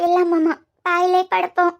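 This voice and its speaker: A woman playing a young wife with a Kanyakumari accent, her voice very high and pleading, on the edge of tears. She sounds heartbroken and small, like a heroine in a cartoon love serial. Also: completely flat delivery, moderate pace, gravelly. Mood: tearful. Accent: Kanyakumari Tamil. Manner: pleading, sniffling. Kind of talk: cartoon web series voice acting.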